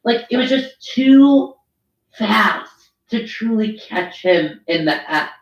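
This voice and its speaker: A woman co-hosting a casual podcast, rambling and crude in animated banter. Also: on the high side, takes it slowly, highs cut off. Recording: roomy echo.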